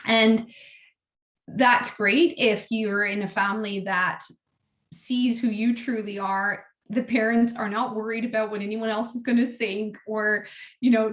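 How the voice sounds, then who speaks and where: A woman's voice: fairly high pitch, muffled recording. Earnest woman guest, roomy echo. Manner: earnest, repeats words and restarts often. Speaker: guest speaker. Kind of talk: casual conversational interview.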